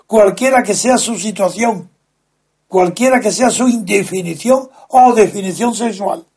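A man, speaking as a guest in a slow, deliberate, lecturing way, leaning hard on key words. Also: high-pitched, darkish tone, husky. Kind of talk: measured explanatory talk.

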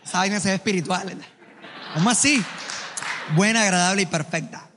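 A man preaching a sermon to a congregation, lively and colloquial, with joking asides, calling on the listeners to answer back. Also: high-pitched, fairly quick, a little hiss or hum. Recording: long hall reverb.

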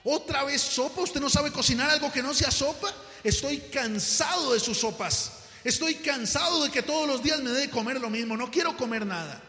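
A preacher voicing a tired, irritable family man who pleads loudly. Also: extremely high pitch, lively intonation, moderate pace. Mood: irritated. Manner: whiny, loud, pleading. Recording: echoey hall with faint music.

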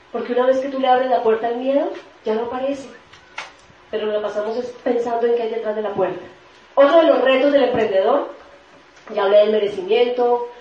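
A woman's voice: fairly high pitch, dark tone, a little hiss or hum. A woman co-presenting a motivational seminar, telling a story expressively. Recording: echoey hall, distant dull mic.

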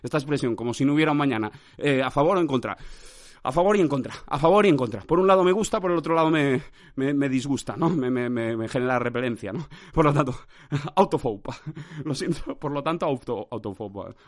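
A man hosting his own podcast, standing as he records a rambling, self-mocking improvised monologue full of theatrical outbursts, shouted nonsense sounds and sudden swings in loudness. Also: medium pitch, lively intonation, fast talker. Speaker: podcast host.

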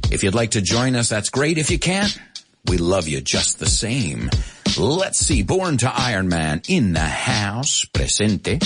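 Animated man hosting a radio show. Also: lowish voice. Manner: energetic, reads listener chat messages aloud and explains phrases. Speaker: radio host and English teacher. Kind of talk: lively radio chat, teaching English.

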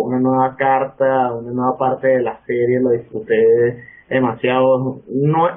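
A man chatting casually on a podcast, giving his relaxed, opinionated take. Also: mid-range voice. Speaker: podcast co-host. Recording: tinny online call audio.

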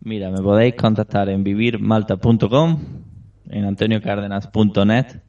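Spanish male guest, low voice, distant dull remote line, easygoing. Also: steady tone, normal speed, dark tone. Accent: Spain. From Spain. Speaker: podcast guest. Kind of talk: casual podcast chat.

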